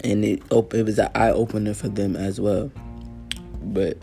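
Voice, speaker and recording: A man with a low, gravelly voice tells his own story as host of his show. His delivery is earnest and casual, with many fillers and throat clears, and he sounds a little tired. Faint music plays behind him. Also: fairly even intonation, unhurried, warm tone. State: tired, yawning. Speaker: podcast host.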